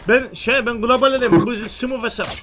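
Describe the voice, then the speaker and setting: A man streaming a shooter game, chatting excitably and cursing, sometimes yelling into voice chat. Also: very high voice, fast, background noise. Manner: excitable, swears a lot, yells greetings into voice chat. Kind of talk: casual gaming commentary.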